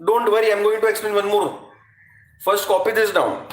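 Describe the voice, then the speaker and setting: A man's voice: sits high, fairly even intonation, normal speed. A man with an Indian accent lecturing to an online class as a teacher, repeating phrases for emphasis and addressing students directly. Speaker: physics teacher. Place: indoor room at a chalkboard. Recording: echoey room.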